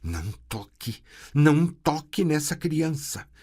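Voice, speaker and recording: A man voicing a sorceress who shouts defiantly while straining to keep control. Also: on the low side, lively intonation, a little slow, slightly rough, pitched above the performer's own voice, exaggerated voice.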